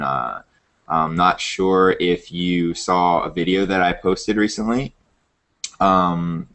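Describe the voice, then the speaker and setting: Man, interview host, low voice, hesitant, lots of fillers. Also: a bit bright. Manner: hesitant, many fillers and restarts. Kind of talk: casual online interview.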